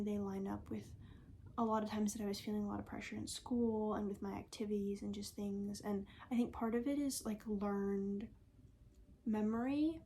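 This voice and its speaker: A young woman talking in a casual, reflective vlog, soft-spoken and often slipping into a breathy half-whisper as she thinks aloud. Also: medium pitch. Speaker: vlogger.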